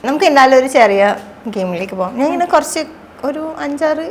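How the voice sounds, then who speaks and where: A woman's voice: high voice, expressive, quick pace, slight background noise. A woman hosting an interview, asking chatty, upbeat questions in a casual conversation. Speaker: interview host.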